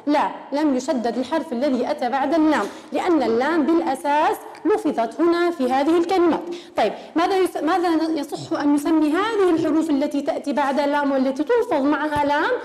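A woman teaching an Arabic lesson to young pupils, patient and addressing them as little ones, stretching out example words slowly. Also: high-pitched, a little mellow, in a large hall. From Lebanon. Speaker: primary school Arabic teacher. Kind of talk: teaching a recorded lesson to children.

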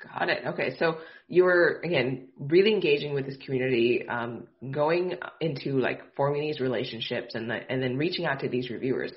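A man's voice: mid-range voice, brisk, hardly any pauses. A man hosting a podcast, asking interview questions in an upbeat way, often saying "like" and "got it", on dull lo-fi remote audio. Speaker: podcast host.

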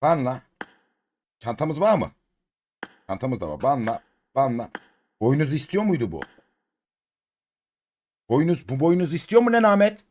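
Excitable Turkish man chanting over a game. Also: medium pitch, measured pace, long pauses, a little hiss or hum. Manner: excitable, chanting repeated words, coaxing his cat. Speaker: mobile game streamer. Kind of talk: casual gameplay commentary.

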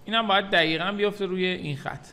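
Man, software tutor; bright, slightly high voice, calm step-by-step delivery. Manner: calm step-by-step explaining, addresses viewers as kids. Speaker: 3D modeling tutor.

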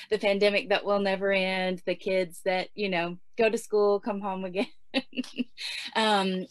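A homeschooling guest speaker, a woman in her forties with a lowish voice, offers casual advice in a chatty way packed with fillers. There is no room sound.

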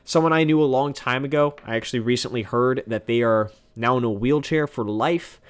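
Fairly quick and smooth, this young man's mid-range voice carries his casual let's-play commentary as the game's host. His humor is joking and self-deprecating.

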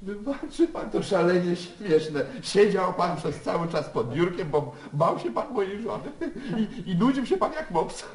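Pompous psychiatrist, lively lilting delivery, commanding. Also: male voice, fairly low pitch, a little slow, a crowd in the background. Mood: bossy pompous. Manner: bossy, pompous. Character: pompous self-important male psychiatrist, adult.

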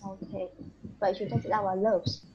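A woman's voice: mid-range voice, normal speed, a little hiss or hum. A woman tutoring a child in English one-on-one, patient and coaxing, switching between languages as she explains. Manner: patient, coaxing teacher mixing languages, lively when explaining. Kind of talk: one-on-one online English lesson. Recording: dull lo-fi sound.

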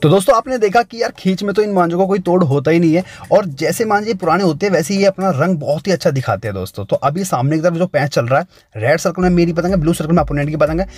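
A man's voice: on the high side, animated, fast, a little mellow, faint music behind. A young man vlogging from an open rooftop, chatting casually and calling out a kite match live. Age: young adult. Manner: chatty, keeps saying "friends" and "okay?". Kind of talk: casual demo and live commentary.

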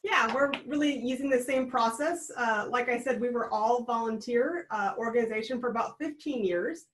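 Speaking at a moderate pace in a slightly high voice, with a little background noise, this guest is a regional trail program director. The American woman, in her thirties, joins a video-call interview on her webcam from a small home room and explains cheerfully.

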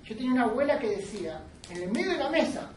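A woman teaching a class, switching between Spanish and English and often checking in with the students in an animated way. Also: high-pitched, racing, noisy background. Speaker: instructor. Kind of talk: classroom lecture. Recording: roomy classroom sound from a distant mic.

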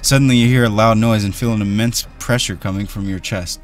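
A man's voice: on the low side, fairly even intonation, brisk. A man playing a text adventure with a friend, reading the story aloud and breaking into laughter. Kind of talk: casual gaming chat. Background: background music.

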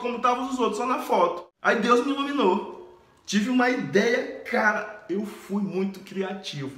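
A Brazilian man in his thirties tells a story with excitement. His voice is high and bright, and his retelling is expressive and full of laughter. He is recorded in an echoey room. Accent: Brazilian Portuguese. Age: 30s. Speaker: vlogger. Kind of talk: animated storytelling vlog.

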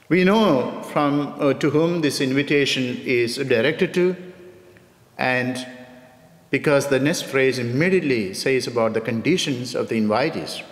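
Male parish priest, homily, lively rising and falling delivery, long church reverb. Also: a little high. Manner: measured, addresses listeners as "my dear friends".

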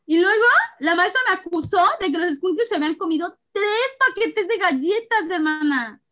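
A woman's voice: very high-pitched, moderate pace. A woman in her thirties with a Mexican accent, chatting casually with her sister as co-host and telling family stories with lots of laughter. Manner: animated storytelling, laughing often. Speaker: co-host of an essential oils channel. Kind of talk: casual chat between sisters.

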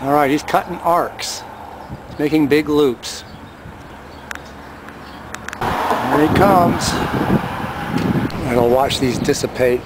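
With traffic and outdoor noise in the background, a man records the sky on a handheld camera, its mic capturing his chatty, amused commentary as he points things out by the road and in a car. He speaks slowly at a fairly high pitch, leaving long pauses, and the audio is noisy.

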